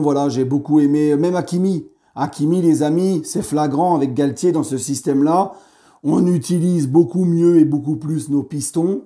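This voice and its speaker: A man with a hoarse voice giving a heated post-match debrief as a football fan, animated and swearing freely. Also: on the high side. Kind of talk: post-match vlog rant.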